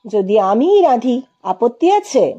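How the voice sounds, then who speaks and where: A woman voicing a quick-witted young wife and mother who answers teasing with sharp, wry retorts. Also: fairly high pitch, sing-song, muffled recording, faint music behind, exaggerated voice.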